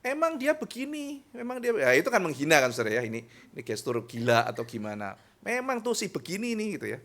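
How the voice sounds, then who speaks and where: A male pastor preaching a sermon to a youth service. He is lively and conversational, often addresses the listeners as brothers and sisters, and acts out quarrels between spouses. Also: high voice, fast.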